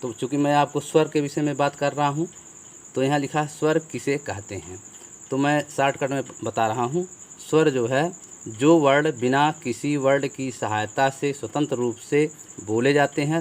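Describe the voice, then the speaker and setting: A man's voice: mid-range voice, moderate pace. A man teaching a grammar lesson, patiently explaining, asking questions aloud and answering them himself.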